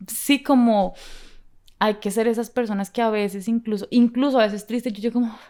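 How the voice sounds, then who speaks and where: A woman at a middle pitch speaks in a casual podcast conversation. She answers with short agreeing replies and speaks earnestly about her faith. Her delivery is conversational and sincere. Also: fairly even intonation, moderate pace, a little mellow.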